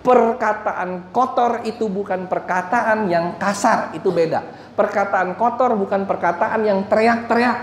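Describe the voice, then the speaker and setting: A man's voice: sits high, measured pace. A man preaching a sermon as pastor, joking and putting questions to the congregation. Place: church hall. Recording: echoey church hall, faint room noise.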